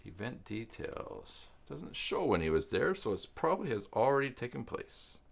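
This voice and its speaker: Chatting with viewers during a casual live screen-share tutorial, this stream host and web instructor rambles and thinks aloud as he demonstrates. He speaks at normal speed in a medium-pitched, sing-song, creaky voice.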